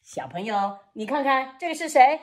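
A middle-aged woman tells an interactive story as a children's teacher. Her voice is high and swings widely. She exaggerates, repeats key phrases and puts questions to the children. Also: expressive, normal speed. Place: indoors at home, small room.

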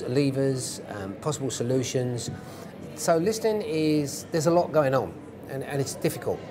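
British man, fifties, quick pace, instructive and emphatic, conversational interview, crowd murmur behind. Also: medium pitch. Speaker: interview guest, former police hostage negotiator. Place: indoor event interview stage.

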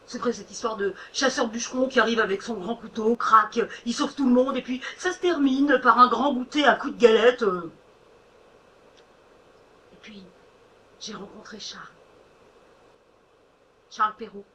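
A woman storyteller giving a theatrical performance, speaking expressively with dramatic pauses. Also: a little high, a bit bright.

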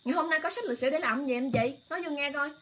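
A woman with a high voice hosts an emotional political livestream. She speaks straight to her viewers, exclaiming often. Her delivery stays impassioned and insistent. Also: racing, a bit bright. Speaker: online livestream host.

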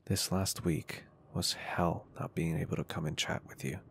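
In an intimate ASMR roleplay, a male performer plays a caring, flirty and confident business owner who is gently protective. His low voice has a gravelly fry yet a fairly bright tone, steady and moderately paced, and he sounds polite, reassuring, tender and earnest. Noticeable background noise sits behind him.

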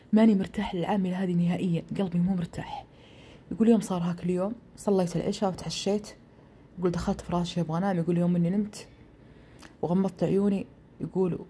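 A woman's voice: fairly low pitch, warm tone, husky. A woman retelling a horror story, constantly repeating that he says it. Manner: breathless, repetitive retelling that keeps repeating "he says".

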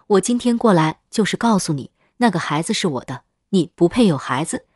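A woman's voice: on the low side, animated, a little fast, a little mellow, slightly rough, no echo, studio quality. A woman voicing a bitter young woman who coldly accuses the narrator. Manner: cold, accusing.

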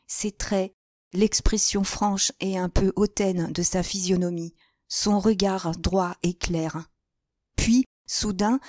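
A woman narrating a classic crime novel as an audiobook, with a measured literary reading. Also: medium pitch, darkish tone, dry recording, clean studio sound.

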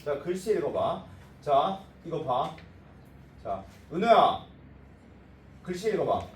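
A man's voice: fairly high pitch, sing-song, slow pace. A male math teacher lecturing a class in a blunt, informal way, checking again and again that the students got it. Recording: echoey room, voice from a distance, faint noise.

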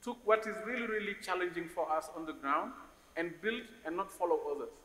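Man from Senegal, conference panelist, bright voice, roomy hall echo, faint hiss. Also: sits high, a little fast. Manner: thoughtful, repeats words while searching for phrasing. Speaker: investor panelist. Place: large conference hall stage. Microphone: stage microphone on a stand.

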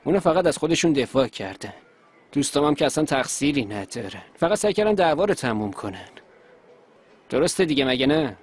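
A man's voice: fairly high pitch, sing-song, husky. A man dubbing a hot-tempered young male boxer, speaking in a curt, irritable way. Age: young adult. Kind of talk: dubbed TV drama dialogue.

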